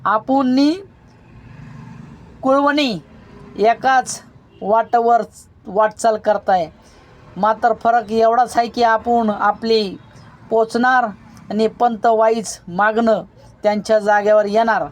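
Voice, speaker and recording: A reader voicing a defiant young male village leader, speaking forcefully and with command. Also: mid-range voice, steady tone, slow, long pauses, close to an everyday voice. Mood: resolute. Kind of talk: storybook reading.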